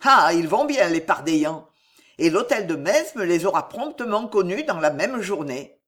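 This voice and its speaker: A reader voicing a gruff, blustering old soldier father in an audiobook. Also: mid-range voice, very animated, normal speed, a bit bright. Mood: amused. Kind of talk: audiobook character reading.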